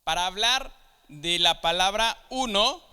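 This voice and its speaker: A man's voice: high-pitched, lively intonation, unhurried, pushed and bright, clean tone. A man, preaching a Bible lesson, who explains things step by step and keeps checking that his listeners follow. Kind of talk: Bible teaching. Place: church hall. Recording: long hall reverb.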